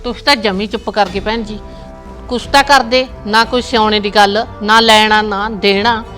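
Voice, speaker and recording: A woman's voice: medium pitch, steady tone, moderate pace, fairly bright tone, soft background music, close to an everyday voice. A woman playing a greedy middle-aged mother of the groom, blunt and haughty. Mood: demanding.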